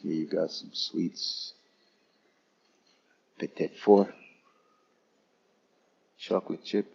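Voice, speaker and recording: Male travel streamer, deep husky voice, casual unhurried tour of an airport lounge. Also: steady tone, darkish tone, highs cut off. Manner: casual, unhurried, talking to chat viewers. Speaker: travel vlogger. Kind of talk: live-streamed lounge walkthrough.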